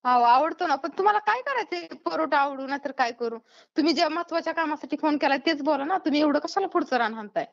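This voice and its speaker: Her voice sits high, fast and gravelly, expressive as she fires off blunt questions with a Maharashtrian accent. She's a YouTuber on the receiving end of a prank call, captured in a dull, lo-fi phone recording.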